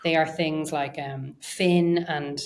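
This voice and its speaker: Taking her time, a woman with a low, steady voice answers as an interview guest. She is a research and data science executive, and her explanations are conversational, hedged, and worked out aloud.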